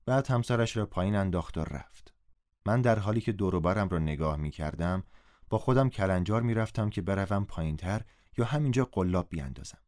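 A man's voice: low voice, animated. A man narrating a story in first person, reading the dialogue aloud with a raised voice. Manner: reads dialogue in a raised, louder voice.

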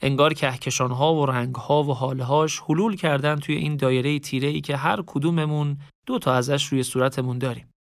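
A man reading a story aloud in a calm, reflective, casual spoken style. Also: mid-range voice, few pauses, no room sound, studio quality. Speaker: narrator. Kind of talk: audiobook story narration with reflective asides.

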